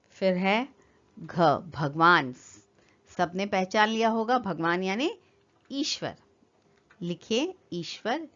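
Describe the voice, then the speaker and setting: Slow patient woman teaching children. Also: lowish voice, highs cut off. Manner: slow, patient, spells words out for kids. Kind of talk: children's Hindi lesson.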